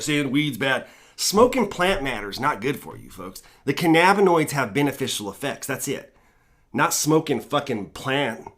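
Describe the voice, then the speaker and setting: A man ranting on a live stream about cannabis laws, swearing constantly, and high while he talks. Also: fairly bright tone. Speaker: cannabis vlogger. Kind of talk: profane live stream rant.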